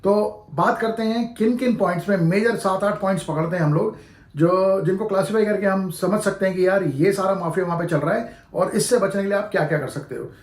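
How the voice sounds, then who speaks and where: A man's voice: sits high, fairly quick. A man, talking casually to his viewers as a travel vlogger, often calling them "yaar" and "bhai" and slipping into English phrases. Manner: chatty, peppers speech with "yaar" and "bhai", mixes in English phrases. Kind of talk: casual explanatory vlog. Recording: echoey room.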